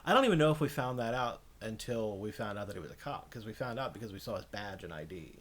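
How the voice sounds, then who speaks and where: A man's voice: lowish voice, animated, fast talker, a loud crowd. A man co-hosting a podcast, chatting casually and cracking crude jokes. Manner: joking, crude humor. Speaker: podcast co-host. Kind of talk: casual chat.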